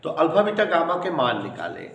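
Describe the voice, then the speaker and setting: A man's voice: fairly high pitch, sing-song, fairly quick, vocal fry, fairly bright tone, lo-fi sound. A man teaching a physics lesson in a classroom, working through equations and often asking the students questions. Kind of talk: classroom lecture at a board. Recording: echoey classroom with long reverb.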